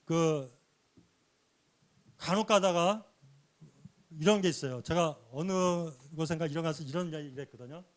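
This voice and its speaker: Man, fairly high voice, church lecturer, sermon-style teaching, earnest, keeps inserting a soft "yes" between phrases. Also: normal speed, long pauses. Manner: earnest, explanatory teaching with rhetorical questions.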